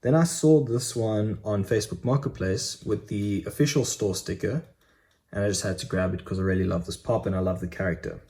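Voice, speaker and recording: A man's voice: fairly low pitch, fairly quick, gravelly, a little mellow. Chatty young man showing off collectibles. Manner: chatty, enthusiastic, frequent ums. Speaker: Funko Pop collector vlogger. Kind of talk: casual unboxing vlog.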